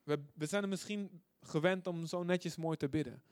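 A man's voice: on the high side, normal speed, no echo, clean studio sound. Impassioned man preaching a sermon. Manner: swings from loud emphatic scripture reading to quiet asides; asks the audience questions often.

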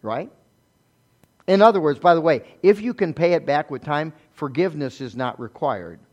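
A man preaching a sermon in a conversational way, asking rhetorical questions and moving between loud emphasis and soft, low asides. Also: lively intonation, normal speed, lo-fi sound. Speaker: pastor.

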